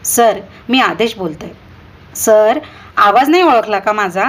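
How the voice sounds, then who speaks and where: A woman's voice: mid-range voice, animated, a little slow, a bit bright. A woman reading aloud, voicing a cheerful young man on the phone who sounds casual and puzzled.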